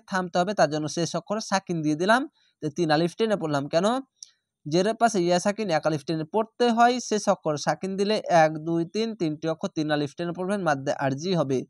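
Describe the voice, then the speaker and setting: A Quran reading teacher giving an online lesson, patiently spelling Arabic words letter by letter and then reciting them slowly and drawn out. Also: medium pitch, no echo, clean studio sound. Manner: patient, repetitive instruction to viewers.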